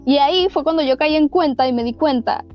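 Speaking quite quickly in a high voice, a young podcast storyteller with a Venezuelan Spanish accent relates a ghost story. Her slangy, casual delivery is packed with fillers and false starts, and the lo-fi audio sounds dull, with faint music underneath.

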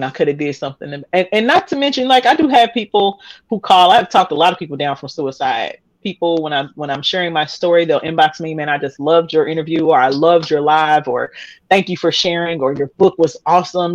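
A woman's voice: low voice, dry recording, low-quality recording. A woman in her thirties, a podcast guest telling her story candidly, rambling with many fillers and restarts and laughing often. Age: 30s.

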